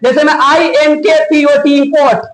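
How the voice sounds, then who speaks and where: A man's voice: very high voice, a little slow, roomy sound, a loud crowd, rough recording. A man teaching English grammar to a class, lecturing and firing questions at his students. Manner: questions the class often, animated.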